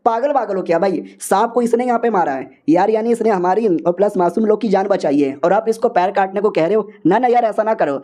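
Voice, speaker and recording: A man's voice: high-pitched, fairly quick, few pauses, dark tone, close to an everyday voice. A man voicing a young woman disciple who speaks earnestly and pleads. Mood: pleading.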